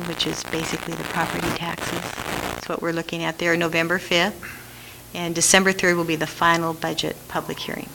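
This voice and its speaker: A woman giving a formal budget report at a public meeting, reading out items and figures. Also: on the low side. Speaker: staff budget presenter. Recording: faintly noisy meeting room recording.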